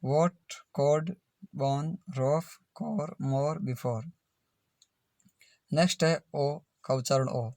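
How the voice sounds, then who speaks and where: A man's voice: fairly high pitch, takes it slowly, pauses often, darkish tone, no room sound, clean studio sound. A man teaching English pronunciation in a video lesson, spelling words out letter by letter and repeating them.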